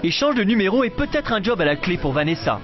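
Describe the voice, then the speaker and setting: A man reading a scripted TV report voice-over in a clear, measured way. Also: high voice, sing-song. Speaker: reporter narrating. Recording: muffled voice-over with music.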